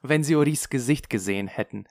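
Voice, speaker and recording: A woman's voice: very deep voice, brisk, darkish tone, voice pushed up. A reader voicing Rirette, a serious and disapproving young woman who asks insistent questions, in an audiobook. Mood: earnest. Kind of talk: audiobook character voice.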